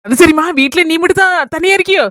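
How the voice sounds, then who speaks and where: An actress portrays a warm-hearted neighbour woman with a Kanyakumari Tamil accent. She talks quickly in a high, gentle voice. The sound is dry and close. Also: dry recording. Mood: friendly. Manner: gentle, soothing, affectionate. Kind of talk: comedy skit acting.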